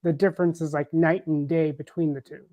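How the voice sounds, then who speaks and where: A man's voice: fairly high pitch, flat delivery, fairly quick, mellow, dry recording. An American man co-hosting a casual livestream chat, thoughtful and rambling, with restarts. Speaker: livestream co-host. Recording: dull, lo-fi stream audio.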